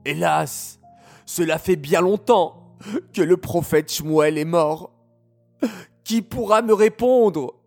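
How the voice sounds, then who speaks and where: A man's voice: on the high side, slow pace, gravelly, pauses often, a little mellow, faint music behind. A man voicing a desperate, commanding king in a children's story, with a lamenting, sing-song manner.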